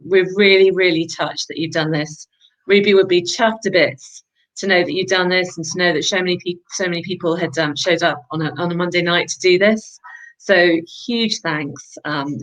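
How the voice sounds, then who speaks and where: A woman, a guest mother, speaking gratefully and a little haltingly on a live video call. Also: fairly low pitch, a bit bright, low-quality recording. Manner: grateful, slightly halting with fillers. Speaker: guest, mother being interviewed.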